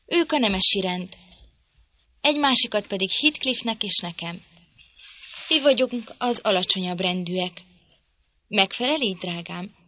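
A woman's voice: mid-range voice, animated, pauses often, pushed and bright, a little hiss or hum. A woman reading an audiobook, voicing an impassioned young lady of the manor who is breathless with joy and eager to win her husband over. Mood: defiant.

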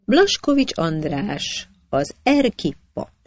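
A narrator reading historical anecdotes aloud with a measured storytelling cadence. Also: medium pitch, very animated, dry recording.

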